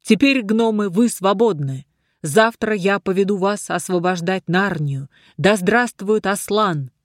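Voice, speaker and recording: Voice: medium pitch, unhurried, dry recording, studio quality, natural voice. A reader voicing a proud young king who speaks in a commanding, indignant way in a storybook. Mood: rousing.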